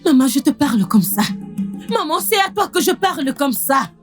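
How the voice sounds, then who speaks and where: A defiant spoiled daughter. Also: female voice, high-pitched, sing-song, moderate pace, faint music behind. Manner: defiant, mocking, insistent. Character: defiant spoiled village daughter, young woman. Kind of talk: dubbed film acting.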